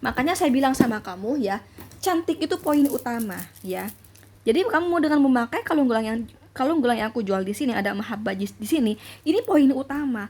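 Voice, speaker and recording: A woman's voice: a little high, expressive, fairly quick, darkish tone. Chatty woman reading tarot. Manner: chatty, repetitive, addresses viewers directly. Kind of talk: casual tarot reading monologue.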